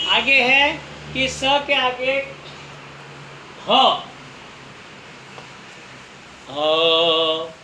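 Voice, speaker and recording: Male teacher, slow and patient, bright tone, spells out sounds one by one; roomy echo. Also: very high voice. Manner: patient, repeats each sound slowly for the listener to try. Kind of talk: recorded language lesson. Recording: echoey room, faint background noise.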